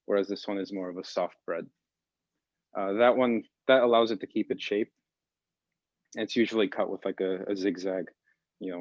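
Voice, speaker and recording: Low-voiced man chef on a muffled call. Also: no room sound. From Boston area, United States. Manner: relaxed, many fillers. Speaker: pastry chef. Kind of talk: casual explanation to an online audience.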